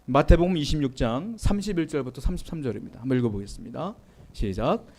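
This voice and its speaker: A man's voice: mid-range voice, lively intonation, quick pace, darkish tone. A male pastor preaching a sermon in a conversational way, often asking the listeners questions and reading scripture aloud. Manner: reads scripture aloud with the congregation.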